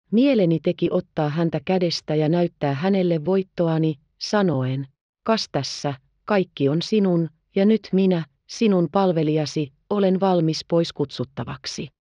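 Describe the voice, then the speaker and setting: Proud, bitter old merchant father, read by a woman, low mellow tone, dry dull audiobook sound. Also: no echo. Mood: tender.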